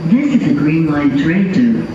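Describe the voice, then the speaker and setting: A male transit announcer comes over the train intercom at a slow, even pace. His voice is muffled and sounds distant, echoing heavily through a rail car. Clear train and station noise runs beneath it. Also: on the high side. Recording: echoey, distant, muffled loudspeaker.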